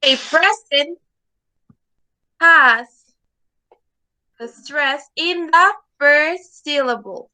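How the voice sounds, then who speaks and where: Woman teacher, bright voice, online class, patient, keeps asking okay. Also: high voice, very slow, pauses often, poor audio. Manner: patient, repeats words and asks "okay?" often. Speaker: English teacher.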